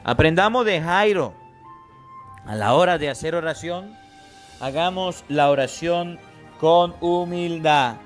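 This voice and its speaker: Emphatic priest preaching a homily. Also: male voice, a little high, slow pace. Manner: emphatic preaching, calls listeners to attention, acts out quoted pleas. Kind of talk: gospel homily. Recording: faint music behind.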